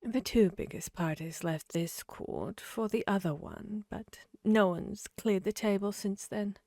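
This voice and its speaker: In an ASMR audio roleplay, a woman plays a sly, grinning Wonderland cat, drawling very slowly in a coy, teasing, fickle way, as if each sentence were a riddle. Her medium-pitched voice has a dark tone, recorded close and dry with no echo.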